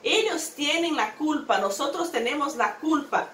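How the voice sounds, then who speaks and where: A woman teaching a language class, patiently explaining and slowly repeating each verb form. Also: high-pitched, animated, a bit bright. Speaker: Spanish teacher. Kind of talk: explanatory lesson. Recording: roomy, from a distance, faint hum.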